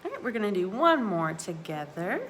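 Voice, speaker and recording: A woman teaching a recorded lesson to young children, patient and encouraging, sounding out words slowly for them to follow. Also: medium pitch, big pitch swings, fairly bright tone, slight background noise. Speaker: second grade teacher. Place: indoors, hanging out away from classroom.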